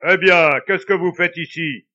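Guy doing a raging miser ghost, yelling way up high, dull lo-fi audio. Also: fairly even intonation, unhurried, full character voice. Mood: furious. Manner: shouting harshly. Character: miserly dead rich man's ghost, angry, gruff. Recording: dull lo-fi recording.

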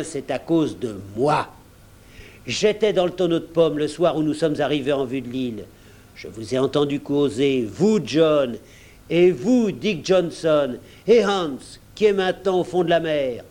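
A man narrating an adventure story in the first person, with a somewhat higher voice than most men. His reading is measured and earnest, delivered like a classic audiobook. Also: animated, darkish tone. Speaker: audiobook reader. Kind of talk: scripted narration of an adventure novel.

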